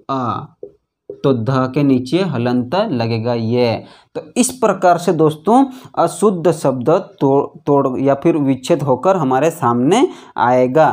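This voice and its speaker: A man's voice: on the high side, darkish tone. A man teaching a grammar lesson who keeps asking the class questions and then answering them himself, stretching out single letters and syllables as he spells. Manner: repeats questions to students, calls them friends; slow, drawn-out syllables when spelling letters.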